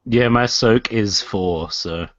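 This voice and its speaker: A man's voice: lowish voice, takes it slowly. A man playing a tabletop role-playing game, describing his character's actions in a rambling way with many fillers. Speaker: player. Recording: dry, dull lo-fi sound.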